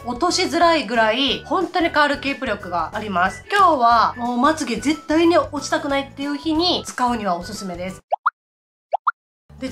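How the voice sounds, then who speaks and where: A woman's voice: a little high, a bit bright. A woman in her thirties with a Nagoya accent, chatting casually to viewers while doing her makeup, with a self-deprecating, talkative manner. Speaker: beauty vlogger. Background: faint background music.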